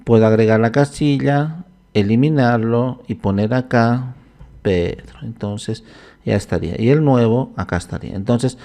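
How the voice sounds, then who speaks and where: Male tutorial narrator, mid-pitched, warm and mellow, unhurried and explaining step by step. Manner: unhurried, thinking aloud with frequent "entonces". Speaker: software instructor. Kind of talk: screen-recorded software tutorial.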